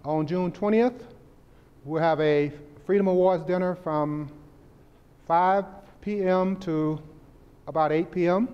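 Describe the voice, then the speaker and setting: Older guy announcing festival plans, earnest, smooth voice, muffled hall echo. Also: sits high, slow pace, long pauses. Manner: earnest, forthright. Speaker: event organizer. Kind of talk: public presentation. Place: community center room, standing. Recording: dull echoey hall recording.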